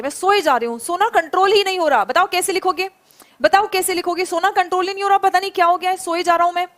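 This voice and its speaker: A woman teaching an online spoken English class, saying example sentences slowly and praising her students by name. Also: sits high, fairly bright tone.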